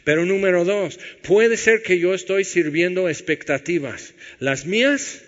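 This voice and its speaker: A man's voice: high voice, a little slow. A man preaching a conversational sermon, firing rhetorical questions and acting out what people say. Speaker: pastor. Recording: dull sound in a reverberant hall.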